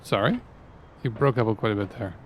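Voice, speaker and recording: A man's voice: fairly low pitch, moderate pace, a little hiss or hum. A man with a Canadian accent, a native French speaker, hosting a game live stream and talking at length to his viewers. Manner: rambling, explains at length to the viewers. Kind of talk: casual live-stream commentary.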